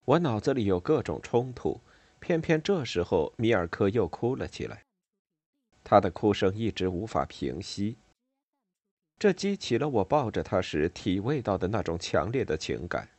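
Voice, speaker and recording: A man narrating a novel in a measured reading style with expressive, varied intonation. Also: fairly low pitch, breathy edge, no room sound. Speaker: audiobook narrator.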